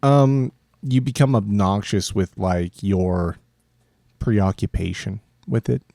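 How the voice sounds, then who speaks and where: A man's voice: lowish voice, slow, gravelly, dry recording, clean studio sound. A man co-hosting a podcast, talking animatedly and acting out voices in casual chat. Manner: animated, acts out voices in quotes. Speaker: podcast co-host.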